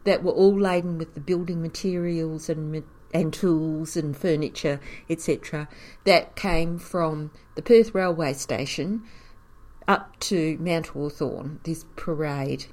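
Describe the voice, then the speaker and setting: A woman's voice: low voice, measured pace. A woman, caretaker of a historic cottage, telling its story with enthusiasm and frequent chuckles. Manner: animated storyteller, chuckles often. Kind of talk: storytelling in an interview.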